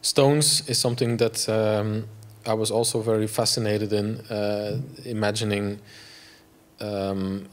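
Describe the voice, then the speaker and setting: Speaking on a lapel mic in a gallery room, a Flemish-accented Belgian man in his forties, Dutch being his first language, delivers an artist talk. He stumbles along with many fillers and restarts, his voice lowish.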